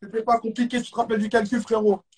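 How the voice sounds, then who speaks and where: Talking very fast in a high, slightly rough voice with little pitch movement, a man with a French accent hosts a quiz on a live stream. He's hyped, repeats his catchphrases, and peppers in English exclamations over a phone or webcam mic.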